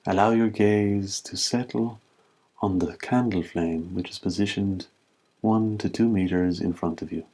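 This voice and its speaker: Speaking in a low-pitched voice, a man guides a meditation as its teacher. He stays calm, with measured phrasing and long pauses.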